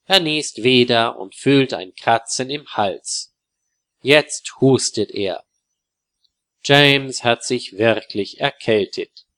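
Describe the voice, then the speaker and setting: A man narrating a story for learners in a slow, calm, clearly articulated reading. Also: mid-range voice.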